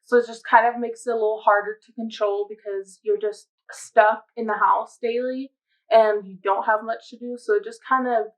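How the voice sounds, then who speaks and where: A seventeen-year-old girl giving hesitant, soft-spoken interview answers. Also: fairly high pitch, fairly even intonation, moderate pace, low-quality recording. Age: teens.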